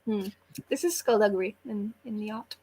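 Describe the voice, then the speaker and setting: A woman on a book club readalong panel chats casually and animatedly about books, informal and full of opinions. She talks briskly in a medium-pitched, darkish voice with a breathy edge.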